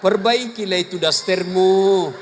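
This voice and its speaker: A man's voice: sits high, measured pace, long reverb tail, slight background noise, voice pushed down. A man acting out an exasperated husband scolding his wife about her torn housedress.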